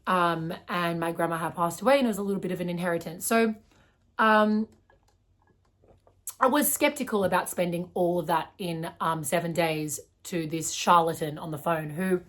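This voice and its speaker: A woman's voice: medium pitch, fairly bright tone. A young woman in her twenties with an Australian accent, telling a personal story in a casual, rambling way, full of "like" and "um". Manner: rambling, heavy use of "like" and "um".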